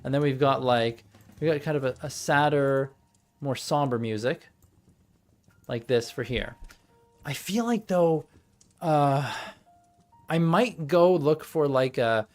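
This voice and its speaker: This young live streamer has a mid-range voice and takes it slowly, pausing often. Background music plays while he chats in a rambling way and mutters to himself as he fiddles with his setup.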